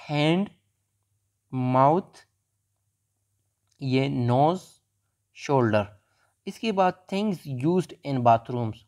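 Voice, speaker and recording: A man with a Pakistani accent teaches a class, drawing out each vowel sound and example word. He talks at a very slow, deliberate pace, with a voice of middling pitch. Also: darkish tone. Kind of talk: slow explanatory lesson, reading word lists.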